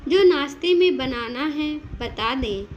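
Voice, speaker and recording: A woman's voice: sits high, lively intonation, unhurried, dull audio, a little hiss or hum. A woman voicing a shy, polite young bride. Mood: earnest. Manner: polite, earnest.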